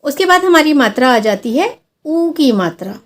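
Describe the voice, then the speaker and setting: A very animated Hindi teacher from India, a woman with a high voice, gives a classroom-style lesson on vowel signs. She explains patiently, step by step, slowly and carefully, stretching out example words to show long and short vowels.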